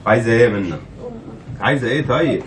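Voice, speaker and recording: A man's voice: mid-range voice, animated, rapid-fire, crowd noise. A man with an Egyptian accent in casual home banter, grumbling and protesting as he complains. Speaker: husband and father in a family prank vlog. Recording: echoey room, distant mic, loud noise.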